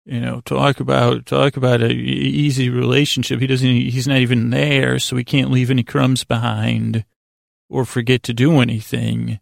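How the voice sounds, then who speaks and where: Heavily gravelly and creaky at an average pitch, this man hosts a podcast meant for bedtime sleep. His informal monologue wanders, stalls and circles back with self-deprecating humor, delivered flatly in a very dry recording with no room sound.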